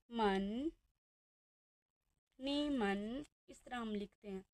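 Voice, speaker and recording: Leading a beginner lesson, a Chinese language teacher with a Pakistani Urdu accent speaks in a high, slightly mellow voice. She pronounces each word slowly and repeats it several times, and the sound is dry and close with no room echo.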